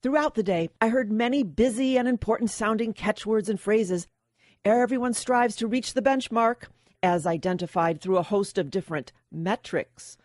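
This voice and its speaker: A woman's voice: medium pitch, normal speed, darkish tone, no echo, studio quality. A middle-aged woman hosting a radio show, delivering scripted commentary in a plainspoken storytelling way with sardonic asides.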